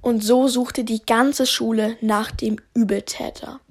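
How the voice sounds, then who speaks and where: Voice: mid-range voice, fairly even intonation, unhurried. Eine junge Stimme erzählt locker und etwas stockend eine improvisierte Geschichte und moderiert die Folge. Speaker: narrator and host. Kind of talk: improvised story narration.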